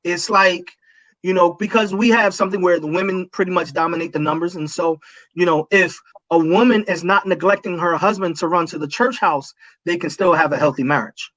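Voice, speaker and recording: A man's voice: high voice, brisk, a bit bright, no room sound, rough recording. A man speaking as a pastor in a casual livestream talk, preachy and emphatic, repeating his key points.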